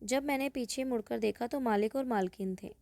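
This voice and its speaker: A woman with a slightly high voice reads a heartfelt story at a steady, even pace. Her tone is mellow and soft-edged, with a gravelly fry running under the words. The sound is close and dry. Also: fairly quick, no room sound. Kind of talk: first-person story narration.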